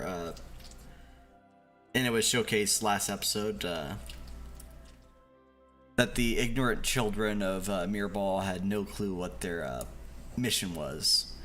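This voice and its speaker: A man acting as game master for an online tabletop game speaks slowly and haltingly, filling gaps with constant uhs. His voice sits fairly low yet has a bright, forward edge. He sounds like he's leading a casual group session. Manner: hesitant, filled with many uhs.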